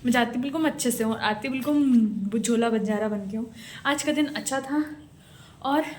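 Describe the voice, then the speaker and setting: A young woman vlogs her day as a doctor, her voice a bit higher than most. She chats loosely into a phone camera, slipping in English phrases and checking in with her viewers as she goes. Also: normal speed, a little mellow. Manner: chatty, mixes English phrases into Hindi, often tags "theek hai". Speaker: doctor vlogger. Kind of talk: casual daily vlog. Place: home and on the go.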